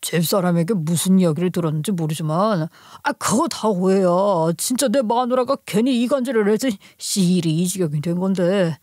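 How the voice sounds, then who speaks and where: A woman's voice: mid-range voice, a little fast, a little mellow, dry recording, close to an everyday voice. A whining, self-pitying middle-aged ex-husband, put on by a woman narrator in a story radio drama, pleading and wheedling in a plain mid-range voice. The sound is dry and close, with no room around it.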